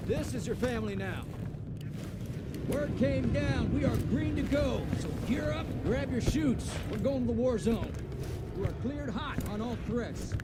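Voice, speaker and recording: An actor playing a tough, gung-ho military squad leader, giving a terse rallying briefing in a video game. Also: male voice, very high-pitched, lively intonation, unhurried, heavy background noise.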